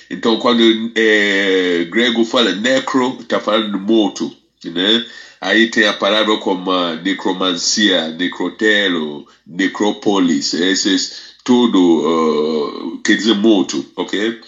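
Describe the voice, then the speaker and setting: A man giving a spoken monologue that explains word origins, often checking in with his listener and spelling words out slowly. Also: lowish voice, a bit bright, highs cut off.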